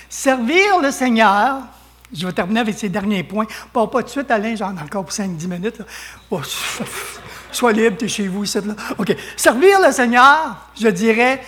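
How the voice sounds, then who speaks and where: A man with a Québécois French accent preaching a lively sermon, often calling out hallelujah and chuckling. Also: high voice. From Quebec.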